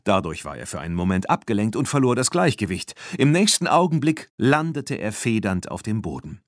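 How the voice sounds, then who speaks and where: A man narrating a children's audiobook in an expressive storytelling manner. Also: lowish voice, brisk, no echo, clean studio sound. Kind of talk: scripted narration.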